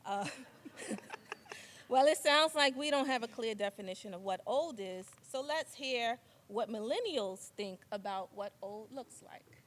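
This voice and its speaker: Female event host, slightly high voice, formal intro manner, long hall reverb. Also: animated, unhurried, a bit bright. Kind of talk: presenting at an assembly.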